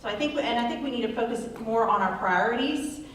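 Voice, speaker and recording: Woman candidate, earnest, hesitant ums, heard from across a boomy hall. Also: fast talker, heavy background noise. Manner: earnest, with frequent ums and restarts. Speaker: council candidate. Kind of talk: candidate forum answers. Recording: echoey hall, distant mic.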